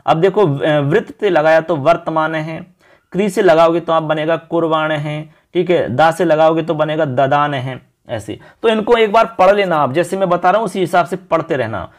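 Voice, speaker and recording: Male teacher, exam-prep, repeats examples in a steady drill, voice a little high. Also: moderate pace. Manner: repetitive drilling, speaking straight to students.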